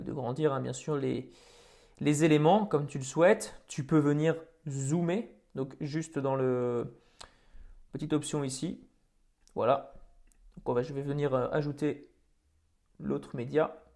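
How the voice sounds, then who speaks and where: A man hosting a software tutorial, talking casually over a screen recording with many fillers and restarts. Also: medium pitch, fairly even intonation, unhurried, creaky, long pauses. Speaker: tutorial host.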